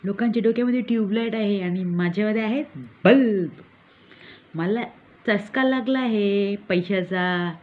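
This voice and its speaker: Speaking a little slowly at medium pitch, a woman with a near-everyday voice performs a comic monologue as a scheming village mother who cons people. She brags smugly and mocks with glee, and the recording has a tinny, phone-like quality.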